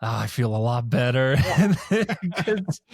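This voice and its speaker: A young adult man hosts a podcast, chatting casually in an interview with lots of fillers and restarts. His voice sits at medium pitch with big swings, and he speaks at a measured pace. The studio sound is clean with no echo.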